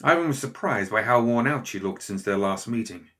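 A man reading a story aloud as narrator, with steady, measured storytelling. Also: mid-range voice. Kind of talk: scripted narration.

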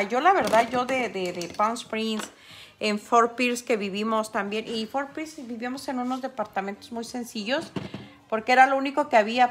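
A woman's voice: a little high, a little hiss or hum. A middle-aged woman, chatting casually with viewers on a livestream while she paints. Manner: chatty, talks straight to viewers. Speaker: artist livestreaming her painting.

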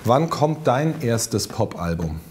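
A man in his thirties plays interrogator in a teasing interview. His voice is mid-pitched, and his delivery is needling and provocative. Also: very animated, slow pace, darkish tone, slight background noise. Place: small indoor studio room.

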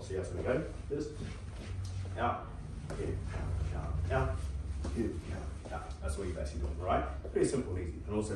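Brief: low-voiced man, quick casual dance tutor, far from the mic in an echoey, noisy room. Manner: keeps addressing viewers as "you guys", calls out counts. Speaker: dance instructor.

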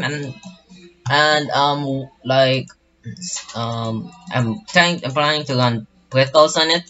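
A man's voice: mid-range voice, fairly bright tone, highs cut off. A young man commentating his own online game battle in a casual, rambling way, full of fillers and restarts. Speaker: gaming channel host.

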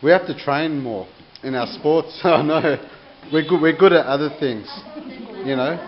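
A man's voice: a little high, moderate pace, highs cut off. A man filming his family on a home video and chuckling often as he talks, heard through old camcorder audio. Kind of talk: casual home-video chatter. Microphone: built-in camcorder mic.

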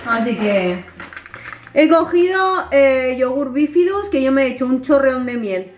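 A woman's voice: sits high, a little slow, faint music behind. A woman, chatting casually to viewers in her home kitchen as a vlogger. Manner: chatty, animated, addresses viewers directly. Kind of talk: casual home vlog chat.

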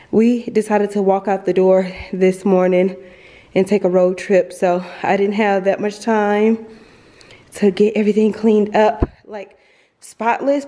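Filming a casual home tour on a handheld compact camera mic, a woman lifestyle vlogger gushes and chats as she moves through her apartment indoors. Her voice is mid-range with a dark tone.

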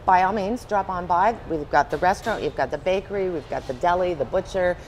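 Female interviewer, 60s, friendly chatty host, lowish voice, lapel mic in a restaurant. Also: brisk, slight background noise, poor audio. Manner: friendly, laughs easily, chatty asides. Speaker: magazine interviewer. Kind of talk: casual interview. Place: restaurant booth indoors.

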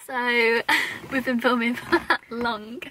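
A young woman from the UK, a fitness vlogger, chatting casually and quickly with her twin while they sit in a car at night, laughing easily. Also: fairly high pitch, little pitch movement, loud music behind the voice, low-quality recording. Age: young adult. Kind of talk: casual chat. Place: parked car at night, lit by an interior light.

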